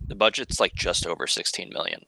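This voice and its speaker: A man's voice: deep voice, fairly quick, vocal fry, pushed and bright. A man co-hosting a podcast, adding brief, matter-of-fact remarks about a film. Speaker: podcast co-host. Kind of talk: casual film discussion.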